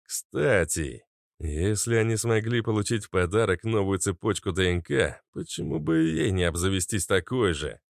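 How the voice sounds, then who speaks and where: Male narrator, low voice, even measured reading, dry close mic. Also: dry recording. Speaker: audiobook narrator. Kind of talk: scripted narration.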